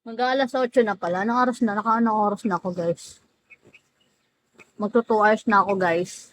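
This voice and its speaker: In casual livestream chat, a woman greets her viewers, playfully teasing them by name, laughing often and drawing names out. Her medium-pitched voice is fairly quick with fairly even intonation, on a low-quality recording with slight background noise.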